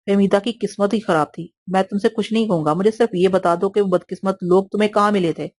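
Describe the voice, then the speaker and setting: A woman's voice: mid-range voice, steady tone, close to an everyday voice. A woman reading an audio novel aloud, voicing an angry young man who demands answers in a raised, agitated voice.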